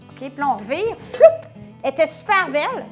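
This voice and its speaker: A woman's voice: sits high, sing-song, brisk, fairly bright tone, faint music behind. A woman hosting a cooking tutorial, chatty and playful as she talks to viewers in a home kitchen. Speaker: cooking show host.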